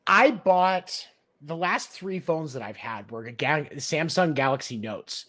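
A man hosting a podcast, chatting casually and cracking quick jokes. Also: a little high, animated, bright, forceful tone. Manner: quick joking asides. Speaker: podcast host.

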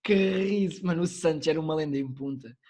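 A young man with a Lisbon Portuguese accent and a slightly high-pitched voice. He talks like a podcast co-host among friends, casual and slangy. Swear words come freely. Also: a little fast, warm tone. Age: young adult. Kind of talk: casual chat. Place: online call.

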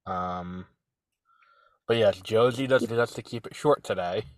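A podcast co-host chats casually with a stuffy, nasal voice from a cold. His fairly low voice runs a little slow, and he rambles hesitantly, full of fillers and restarts. There's no room sound.

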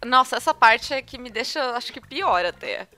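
Bright Brazilian woman, quick reactions. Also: fairly high pitch, expressive. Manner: short reactive comments. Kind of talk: casual chat.

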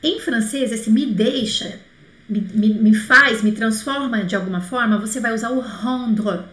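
High-voiced woman teaching in an echoey room. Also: measured pace, fairly bright tone. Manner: explanatory, spells words out, checks in with "tá?". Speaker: French teacher. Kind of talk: live-stream language lesson.

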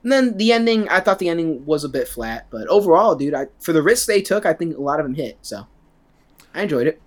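A man's voice: fairly high pitch, big pitch swings, a little fast. A man co-hosting a casual podcast, rambling on with playful self-mockery and saying "dude" all the time. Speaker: podcast co-host giving a review.

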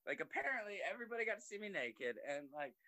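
Lively, bright-voiced man rambling through a story. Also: sits high, fast talker, no room sound. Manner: rambling storyteller with many fillers and acted-out quotes. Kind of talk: casual chat.

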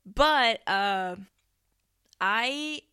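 A woman's voice: a little high, expressive, extremely slow, pushed and bright, smooth. A teenage girl from Spain hosting her podcast, rambling casually with many ums and restarts, a little tired and nervous. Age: late teens. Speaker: podcast host. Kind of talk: casual solo podcast chat.

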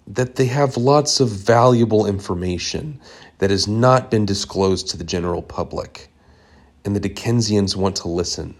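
A man voicing an elderly great aunt who speaks in a solemn, hesitant way with long pauses. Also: fairly low pitch, natural voice. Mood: grave. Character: elderly great aunt, sighing, grave and cryptic.

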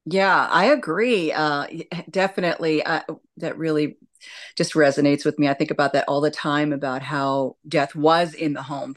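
A woman with a distinctly low-pitched voice speaks as an interview guest. She explains things in a reflective, conversational way, like a nurse educating listeners.

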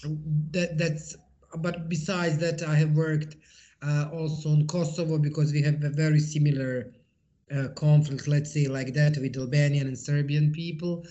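A woman's voice: sits low, level tone, moderate pace, warm tone, muffled recording. A middle-aged woman with a Bosnian accent giving a personal interview account, hesitant and often searching for words. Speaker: interviewee, interfaith peace-building activist.

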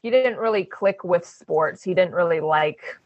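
A woman's voice: lowish voice, unhurried, dry recording. Young woman from Arizona, interview guest; earnest and reflective, muffled dry recording. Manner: earnest, reflective, with many fillers. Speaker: guest, basketball player. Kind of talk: casual interview answers.

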